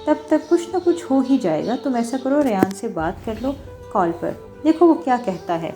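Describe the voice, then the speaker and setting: A caring young woman from an audio novel, soothing her friend, voiced by a woman reader. Her voice sits a little high and sounds calm and reassuring. Faint music runs underneath.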